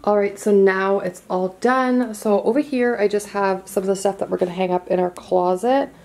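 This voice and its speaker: A woman in her thirties chatting casually from her bedroom while folding laundry, relaxed and explaining as she works, recorded by a camera across the room. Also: medium pitch, moderate pace, gravelly, faint music behind, poor audio. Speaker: vlogger and mother. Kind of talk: casual chat while cleaning. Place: home bedroom, indoors. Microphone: camera on a tripod across the room.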